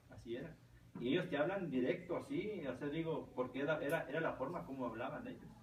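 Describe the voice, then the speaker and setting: A man leads a relaxed Bible class, rambling and dotting his points with tag questions. He sounds set back from the mic in a roomy space, with faint noise underneath. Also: medium pitch, far from the mic. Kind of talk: informal Bible teaching.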